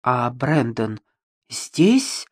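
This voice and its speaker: A woman's voice: sits low, lively intonation, a little slow, dry recording, studio quality. A woman voicing a spoiled young bride who wails and pleads, reading an audiobook. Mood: anxious. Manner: wailing, pleading. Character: spoiled whiny young bride, pampered daughter.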